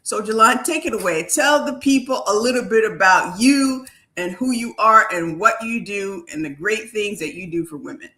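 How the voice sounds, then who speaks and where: A woman's voice: medium pitch, animated, normal speed, sharp tone. A woman from Haiti hosting a live video chat as a wealth coach, talking in an upbeat, emphatic way.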